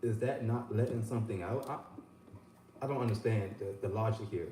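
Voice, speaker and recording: A man with a dark, mellow voice reacts to a clip, asking sarcastic, pointed questions. His voice sits in an echoey room over a faint hiss. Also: fairly low pitch, a little fast. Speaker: commentary channel host. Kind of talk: reaction commentary.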